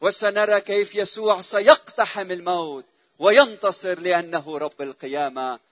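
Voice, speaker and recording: Man, preacher, high voice, emotive sermon, repeats lines, rises loud and falls hushed. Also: normal speed, no echo. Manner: emotive, repetitive, swelling then dropping to hushed.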